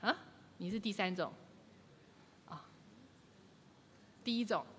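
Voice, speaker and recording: A woman giving a lively church teaching, acting out quoted lines with humor. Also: mid-range voice, quick pace, a little hiss or hum. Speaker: church speaker. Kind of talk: sermon teaching to a congregation. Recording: long reverb of a large hall.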